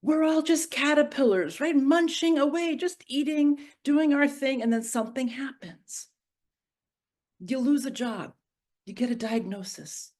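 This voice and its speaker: A middle-aged woman giving a personal storytelling reflection at a church service, moving from playful to hushed and grave. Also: high voice, a little slow. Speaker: worship reflection speaker.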